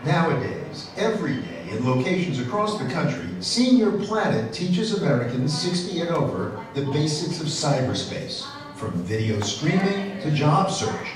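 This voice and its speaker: Male reporter, scripted narration, slightly higher voice, echoey distant noisy sound. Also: big pitch swings, moderate pace, few pauses, crowd noise.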